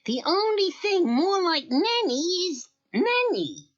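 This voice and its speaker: A man voicing an excitable, whiny vampire duck count with a squeaky voice in a cartoon audio story. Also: slow pace, heavily acted. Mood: stunned. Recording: muffled old audio cassette.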